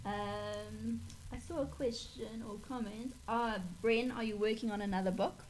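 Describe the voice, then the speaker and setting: A woman's voice: a little high, fairly even intonation, measured pace, poor audio. Woman reading viewer questions aloud. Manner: brief, quiet, reads comments aloud. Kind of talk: casual live Q&A chat.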